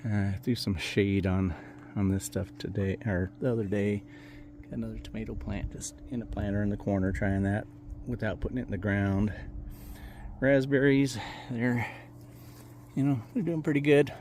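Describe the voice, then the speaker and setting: A man's voice: fairly low pitch, steady tone, normal speed, darkish tone, slight background noise. An older man giving a casual, meandering walkthrough of his backyard garden outdoors, speaking in an easygoing, plain-spoken way. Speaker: home gardener.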